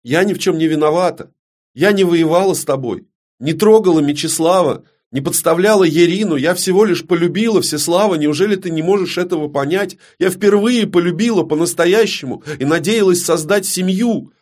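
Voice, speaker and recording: A man voicing a desperate young fairy woman who screams curses and begs for her life in a shrill falsetto. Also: a little fast, a little mellow. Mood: pleading. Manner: hysterical screaming curses, then tearful begging.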